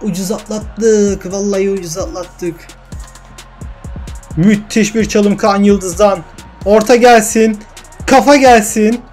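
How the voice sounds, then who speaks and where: A young man with a high voice commentates his football video game into a desk mic, swinging from calm narration to excited shouts and frustrated grumbling. Faint game music runs quietly underneath. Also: takes it slowly, pauses often. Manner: emotional, swings from calm commentary to yelling at goals and cursing misses. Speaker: gaming YouTuber.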